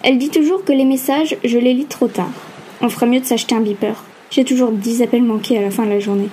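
A woman narrating a first-person novel aloud in an even, steady reading. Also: fairly high pitch, quick pace, a little hiss or hum. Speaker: audiobook narrator.

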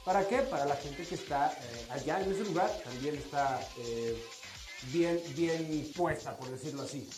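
A woman's voice: deep voice, normal speed, roomy sound, music in the background. A woman co-hosting a radio show, playfully explaining and joking, laughing often. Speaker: radio co-host. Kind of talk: casual chat.

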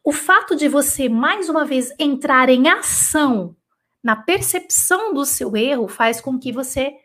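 A woman gives a live online French lesson, dictating slowly before explaining in relaxed, chatty Portuguese full of "tá?" checks. Her voice is high and fairly bright, with lively intonation.

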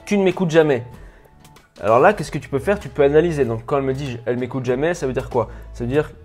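A man with a French accent gives an improvised self-help lesson, speaking directly and casually to the viewer. He stumbles, repeats himself and restarts sentences as he goes, at a middling pitch. Faint music plays under his voice. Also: darkish tone. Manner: stammering, many restarts and repetitions, rambling; informal, uses tu with the viewer. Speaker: personal development coach.

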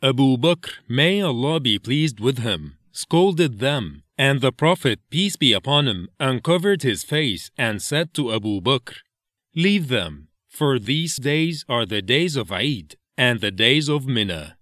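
A man reading scripture slowly and deliberately, with a lively, rising and falling melody. The sound is dry and close, with no room around it. He stops to explain each Arabic term in plain English. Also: mid-range voice, no echo. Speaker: reader of hadith translations. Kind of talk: slow measured scripture reading.

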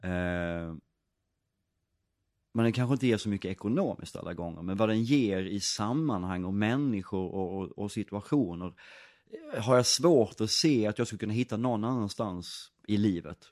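Deep-voiced man, reflective. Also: a little mellow, no room sound, clean studio sound. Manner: reflective, rambling with many fillers and restarts. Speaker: actor and director. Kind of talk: casual interview answers.

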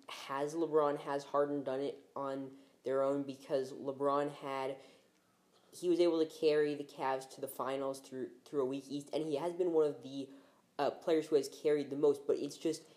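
A podcast host guides a relaxed basketball chat, asking questions in a mellow, rounded voice. The tone stays warm and unhurried. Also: medium pitch. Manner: leading questions, steering the chat. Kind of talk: casual sports talk.

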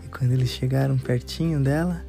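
A woman narrating a children's story in an animated, drawn-out sing-song way. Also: a bass voice, creaky, soft background music.

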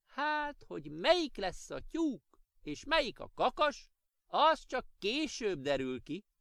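A man voicing a gentle, patient old grandmother who soothes and explains things to her grandchild in a children's audiobook. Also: high-pitched, sing-song, gravelly, dry recording, studio quality, pitched above the performer's own voice, heavily acted. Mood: soothing.

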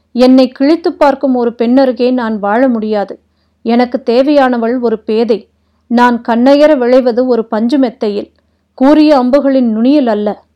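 A woman reading a stern warrior prince of an old epic, slow and measured, his lines pitched a little high. The voice comes through a dull, lo-fi recording. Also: warm tone, close to an everyday voice. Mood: cold, dismissive. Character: stern celibate male prince-warrior, controlled.

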